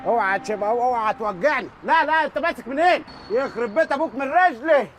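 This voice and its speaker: A frantic Egyptian comic hustler. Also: male voice, extremely high pitch, animated, fast, fairly bright tone, soft background music. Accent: Egyptian Arabic. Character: brash hapless young man on a rescue errand. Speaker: comic lead in a TV series.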